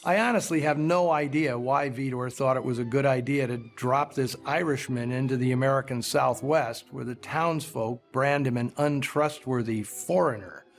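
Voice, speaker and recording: A man hosting a film program, delivering scripted commentary in a measured, articulate storytelling way. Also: medium pitch, faint music behind. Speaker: film show host.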